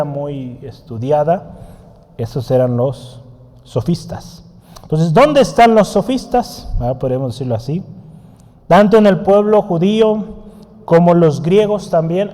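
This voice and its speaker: A man preaches in a mellow, somewhat high voice, teaching in a conversational way and putting questions to the congregation. He pauses now and then to write on a board. His voice carries through a church hall with a long reverb. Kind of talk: teaching sermon.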